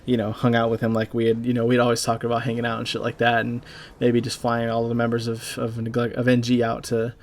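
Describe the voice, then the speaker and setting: A young man giving a halting, casual voice-over over gameplay, full of fillers and swearing, as a clan leader recalling a friend. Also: medium pitch, completely flat delivery, slight background noise. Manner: halting, rambling, heavy with fillers; casual and profane. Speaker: gaming YouTuber and clan leader.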